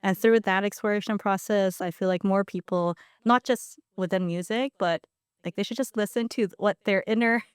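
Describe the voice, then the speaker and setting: Brief: woman co-host, thoughtful and reflective, mid pitch, smooth clear voice, dry studio sound. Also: moderate pace, dry recording. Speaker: podcast co-host. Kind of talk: casual podcast chat. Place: podcast studio.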